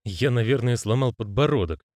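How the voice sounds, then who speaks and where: A male reader voicing a nervous, quick-tongued con man. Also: medium pitch, lively intonation, a little mellow, no echo, studio quality, pitched above the performer's own voice, natural voice. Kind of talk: audiobook character voicing.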